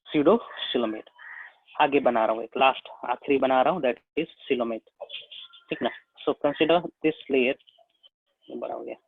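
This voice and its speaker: A man's voice: mid-range voice, dry recording. A man with an Indian accent giving a biology lecture, explaining step by step and checking in again and again with his students. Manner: slow, repetitive, checks in with "है ना?" again and again. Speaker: biology teacher. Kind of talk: classroom lecture at a whiteboard. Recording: tinny phone-like sound, dry.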